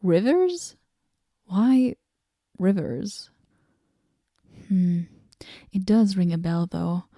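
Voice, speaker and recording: A woman voicing a moody, aloof female goddess in a whispered role-play, talking with dry sarcasm and drifting into soft whispers. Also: lowish voice, extremely slow, long pauses, no echo, full character voice.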